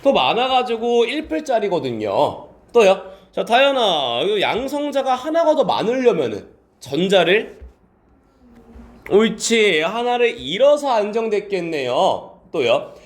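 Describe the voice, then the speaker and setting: Lecturing his science class, a man with a high-sitting voice and big swings in pitch names students as he calls on them. He fires off quick questions and answers them himself, mixing courteous phrasing with casual chatter.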